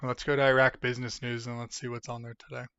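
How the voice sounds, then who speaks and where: A man's voice: medium pitch, flat delivery, fast, pushed and bright, smooth, dry recording, highs cut off. A tired, sleepy man hosting a casual livestream, from the United States, rambling as he reads chat aloud. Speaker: livestream host.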